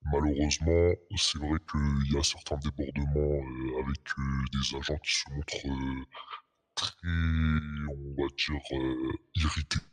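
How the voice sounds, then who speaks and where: A man playing an anonymous police officer giving guarded, hesitant, formal testimony in a disguised deep voice put through a voice changer. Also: level tone, a little slow. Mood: measured. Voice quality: disguised, artificially deepened voice. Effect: pitch-lowering voice changer. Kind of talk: role-play interview. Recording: long echoing reverb, muddy voice.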